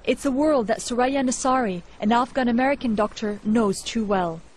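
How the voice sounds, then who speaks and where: A woman reporter reading a scripted news narration in a measured, clear delivery. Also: fairly high pitch, a little mellow, a little hiss or hum.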